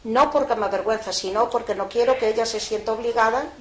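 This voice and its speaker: An older woman being interviewed, telling a story in a casual, lively way with lots of fillers. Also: a little high, fast talker. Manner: colloquial, lively retelling with frequent fillers. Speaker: interviewee, mother of a prisoner. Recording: echoey room, faint background noise.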